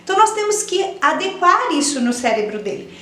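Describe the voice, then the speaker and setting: A woman with a very high, very animated voice speaks briskly and sharply in a roomy space, giving teachers step-by-step advice. It's an instructional talk in which she explains patiently, repeats points, and poses rhetorical questions.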